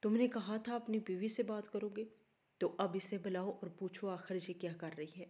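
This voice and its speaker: A woman's voice: mid-range voice, flat delivery, warm tone, lo-fi sound, natural voice. A woman voicing a domineering mother who scolds her son sharply. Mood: angry.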